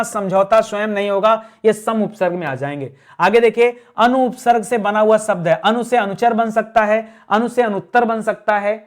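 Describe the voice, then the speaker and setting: High-voiced man teaching grammar quiz. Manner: explanatory, repeats key words, addresses viewers as friends. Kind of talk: exam-prep grammar lesson.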